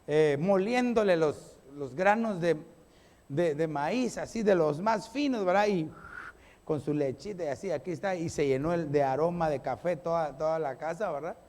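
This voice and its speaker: A male pastor preaching a sermon to his congregation, animated and playful, acting out little everyday scenes. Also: a little high, moderate pace, in a large hall.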